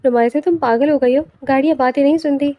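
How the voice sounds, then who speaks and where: A woman's voice: high-pitched, steady tone, no room sound, muffled recording, lightly acted. A woman voicing a tender young husband, once stern, in an audiobook novel. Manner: tender and affectionate.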